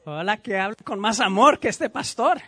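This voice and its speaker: A man's voice: sits high, lively intonation, moderate pace, bright, forceful tone, full character voice. A man preaching voices an imagined churchgoer who complains about the sermon, in a mock-indignant, grumbling way.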